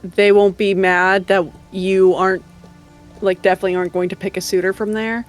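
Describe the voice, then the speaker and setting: A woman player in a tabletop game, asking questions in a soft, casual way. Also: medium pitch, level tone, fairly quick, soft background music.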